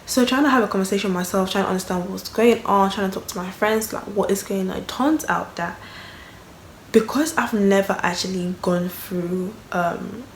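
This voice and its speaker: A woman's voice: mid-range voice, normal speed. A young woman telling a personal story in a candid vlog, rambling and emotional, full of fillers. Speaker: vlogger. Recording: echoey room, faint background noise.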